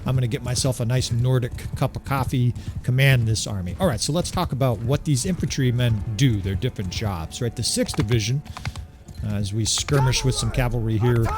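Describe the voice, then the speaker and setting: A man narrating his own strategy game session in a mid-range voice, chatty and enthusiastic. He walks through his tactics in loose, conversational commentary. Light music plays faintly underneath. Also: medium pitch. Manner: chatty, enthusiastic, keeps asking "right?". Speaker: gaming commentator. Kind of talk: gameplay commentary.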